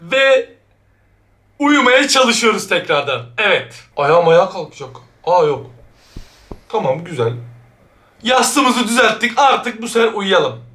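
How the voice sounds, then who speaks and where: A woman hosting a horror reaction video, jumpy and excitable, shrieking, laughing nervously and talking straight to her viewers. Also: medium pitch, a little slow, pauses often, reverberant. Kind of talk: reacting to a horror short film.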